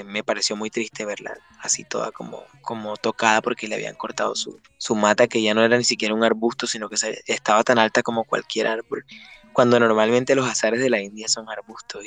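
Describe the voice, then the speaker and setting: Soft-spoken low male musician guest. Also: no room sound. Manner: warm, reflective storytelling with frequent restarts. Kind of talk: radio interview answers.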